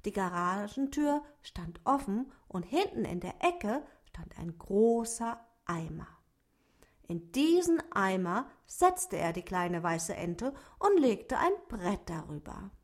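A woman reading a children's story aloud slowly and expressively, dropping to soft tones at times. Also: medium pitch. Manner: slow, expressive, soft passages.

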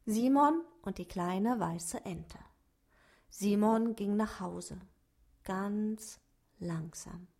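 A woman reading a children's story aloud slowly and expressively, dropping to soft tones at times. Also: mid-range voice. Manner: slow, expressive, soft passages.

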